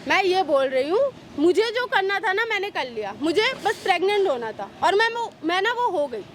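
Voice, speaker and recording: A shameless young daughter-in-law, acted by a woman mocks and taunts in a very high, piercing voice. She sounds like a street skit shot outdoors, with faint traffic hum behind her. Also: very animated, normal speed. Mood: defiant, mocking. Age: young adult. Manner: taunting, mocking, unashamed. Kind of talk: street social skit acting.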